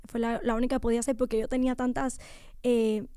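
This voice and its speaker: A young woman tells her personal testimony with raw intensity, and her voice often sinks to a hushed near whisper. Her voice sits fairly high, with a soft, mellow tone. The studio sound is close and dry. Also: flat delivery, fast talker, clean tone, no echo. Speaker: guest giving a testimony. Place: radio studio.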